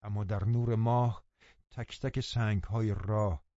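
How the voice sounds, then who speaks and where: A man reading a novel aloud in measured, unhurried first-person narration. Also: on the low side, steady tone, dark tone, no room sound. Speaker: audiobook narrator. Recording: dull lo-fi recording.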